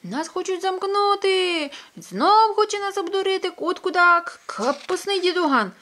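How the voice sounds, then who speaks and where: A woman voicing a flock of flustered hens in a children's storybook, with a shrill, squawking, clamoring delivery. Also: expressive, measured pace, sharp tone, slight background noise, full character voice. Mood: panicked. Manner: clamoring, panicky.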